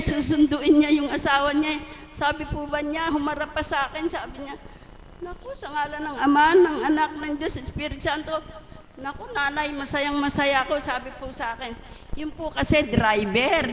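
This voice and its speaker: Older woman giving earnest testimony in an echoey hall. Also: sits high. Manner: earnest, polite, repeats thanks to God. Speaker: church member giving testimony. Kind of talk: personal testimony. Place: church hall. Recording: echoey hall with faint noise.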